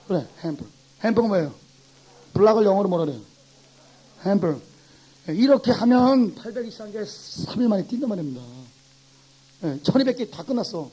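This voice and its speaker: A pastor giving an animated classroom lecture, a man who acts out his examples and swings from loud to soft. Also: sits high, breathy edge, poor audio.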